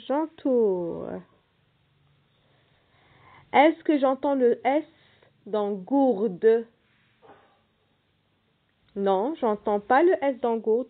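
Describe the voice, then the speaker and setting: Woman, primary teacher, slow and patient, spells out letters, a touch high, thin phone-quality audio. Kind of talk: primary school reading lesson.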